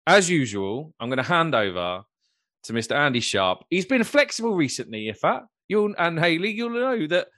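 A man's voice: a little high, big pitch swings, moderate pace, fairly bright tone, no echo. A man hosting a podcast, upbeat and effusive as he wraps up the episode. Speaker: podcast host. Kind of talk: casual podcast chat.

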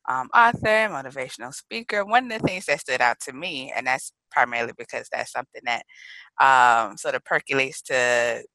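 A woman's voice: a bass voice, bright, forceful tone, no echo, rough recording. A woman hosting a podcast in a chatty, enthusiastic interview style. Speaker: podcast host.

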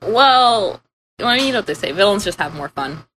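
A woman's voice: mid-range voice, lively intonation, normal speed, a bit bright, slight background noise. A woman co-hosting a casual podcast, chatty and teasing, laughing a lot and leaning on fillers. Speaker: podcast co-host.

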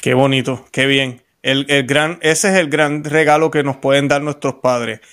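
A Puerto Rican man hosts a faith interview show, speaking at normal speed in a steady, mid-range voice. He is warm-hearted and rambling, with many restarts.

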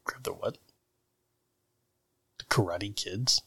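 Man, tabletop player, fairly low voice, casual game chat, dry recording. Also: takes it slowly, creaky, sharp tone, slightly rough, dry recording.

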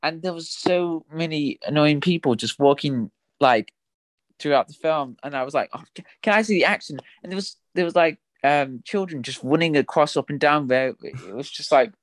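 A man's voice: fairly high pitch, normal speed. A young man, co-hosting a film podcast and telling stories in a chatty way with lots of filler words. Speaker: podcast co-host. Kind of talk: casual chat.

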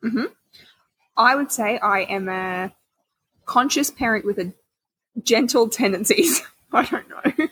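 A woman's voice: fairly high pitch, slow pace, long pauses, a bit bright, slightly rough, no echo, poor audio. A young woman co-hosting a parenting podcast, agreeable and reassuring in casual chat. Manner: agreeable, reassuring, laughs often. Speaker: podcast co-host.

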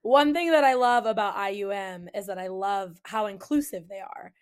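A woman's voice: mid-range voice, normal speed, smooth. A young adult woman from California hosting a podcast, chatting enthusiastically and agreeing readily with her guest. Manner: enthusiastic, agreeable, warm-hearted gushing. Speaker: podcast host. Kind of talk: casual podcast chat.

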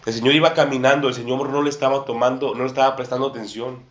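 A man's voice: medium pitch, fairly even intonation, fast. Echoey preacher man, repeating himself. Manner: repeats phrases and keeps addressing listeners as brother and sister. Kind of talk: sermon. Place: church room with a table and a small congregation. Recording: echoey room.

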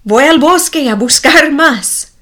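A woman voicing a tired, fearful father who speaks softly and apologizes to his son. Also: high-pitched, animated, takes it slowly, voice pushed up, exaggerated voice. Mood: apologetic.

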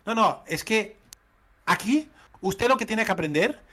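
A man's voice: high voice, animated, measured pace, pushed and bright, breathy edge, pitched above the performer's own voice, full character voice. Man mimicking a haughty, scolding woman clerk. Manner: condescending, insistent. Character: haughty female university clerk, lecturing.

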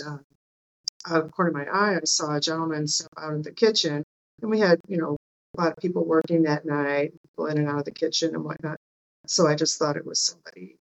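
Woman with a low voice chatting as a podcast guest, hesitant storytelling, bit muffled. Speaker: interview guest, bartender. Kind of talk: casual personal storytelling.

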